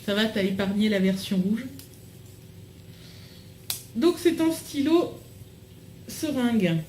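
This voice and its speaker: A woman's voice: mid-range voice, lively intonation, slow, warm tone, echoey room, a little hiss or hum, low-quality recording. A young woman chatting casually to camera as she unboxes a package at home, bubbly and full of fillers. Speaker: vlogger unboxing a swap package.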